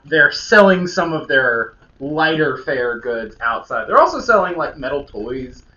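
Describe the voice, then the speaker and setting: A man's voice: on the high side, very animated, unhurried, bright, forceful tone. A man narrating a tabletop game as game master, describing scenes in a loose way with many fillers. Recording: echoey lo-fi room, faint hum.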